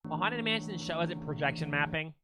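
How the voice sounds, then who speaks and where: A man live-streaming, reacting to videos with excitable, swear-laden casual commentary to his chat. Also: fairly high pitch, fast. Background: music from the video he watches.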